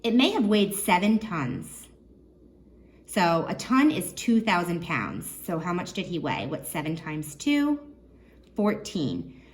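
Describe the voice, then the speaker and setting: Reading a nonfiction book to kids, this woman librarian is expressive and pauses to quiz her young audience. Her voice is on the low side and swings widely in pitch.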